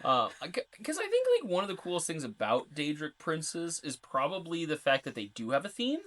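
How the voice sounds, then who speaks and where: A man's voice: a little high, huge pitch swings, brisk, a bit bright. Male podcast co-host, casual, rambling lore explainer. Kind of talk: casual chat.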